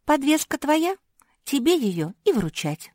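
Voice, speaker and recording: A woman voicing a blunt, sharp-tongued little pug girl with a curt, matter-of-fact manner. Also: deep voice, lively intonation, measured pace, no echo, clean studio sound.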